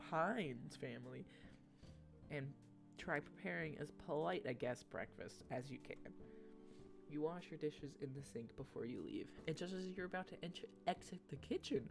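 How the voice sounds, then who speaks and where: A woman's voice: sits low, vocal fry. A woman streamer reading a dating-sim game's text aloud, breaking off to joke and tease the characters. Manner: animated and jokey, quick to tease the characters.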